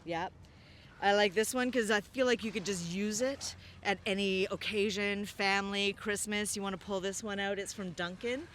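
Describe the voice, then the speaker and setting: A middle-aged woman from Canada co-hosting a casual podcast on a walk outdoors, animated and leaping into high voices when she quotes lines. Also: moderate pace, slight background noise. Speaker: podcast co-host. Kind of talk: casual walking podcast chat.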